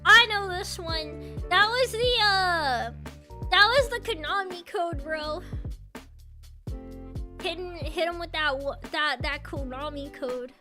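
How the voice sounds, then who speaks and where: A woman streamer chatting casually with viewers in a cute, playful anime-streamer manner, jumping between excited squeals, loud shouts and quieter muttering. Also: extremely high pitch, takes it slowly, long pauses, soft background music. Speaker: streamer and host of a live stream.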